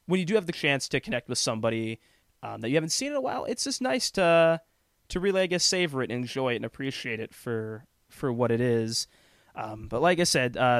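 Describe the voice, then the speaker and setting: A man hosting a podcast, telling a story in a relaxed, rambling, self-deprecating way. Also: mid-range voice, clean tone, no room sound, studio quality. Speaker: podcast host. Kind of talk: casual storytelling chat.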